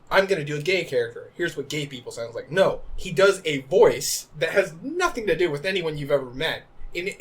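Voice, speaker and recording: A man co-hosting a casual podcast chat, animated and storytelling, slipping into quoted voices. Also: sits high. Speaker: podcast co-host.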